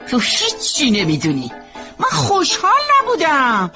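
Brief: a stern older mother-in-law, pitch swinging widely, music under the scene. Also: big pitch swings, a bit bright. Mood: indignant. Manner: quick to scold, proud. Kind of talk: Persian dub of a TV drama.

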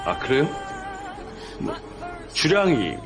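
Over background music, an actor voices a cocky older brother-in-law type who teases a younger man and brags about his drinking. His voice is fairly high and sing-song, delivered slowly in a casual, boastful, teasing manner.

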